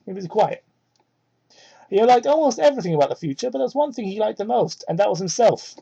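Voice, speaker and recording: Reading fan fiction aloud at a quick pace, an amateur woman interrupts herself with irreverent, sweary mockery. Her expressive voice is mellow with vocal fry and a breathy edge, muffled by a cheap, low-quality microphone.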